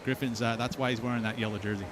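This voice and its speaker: A man's voice: steady tone, rapid-fire. Conversational male surf analyst, noisy broadcast. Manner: conversational, explanatory. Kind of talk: live analytical commentary. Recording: clear outdoor rumble and noise.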